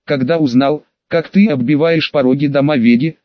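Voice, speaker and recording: A man's voice: a little high, dry recording, close to an everyday voice. A man playing a sly, talkative male schemer who speaks in a glib, mocking, evasive way. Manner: glib, mocking, quick-witted. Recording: dull dry close-mic recording.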